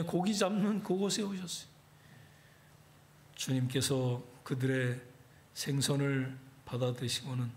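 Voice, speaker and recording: Man, high voice, pastor, sermon, acts out scripture dialogue. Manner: dramatic storytelling, acting out biblical dialogue.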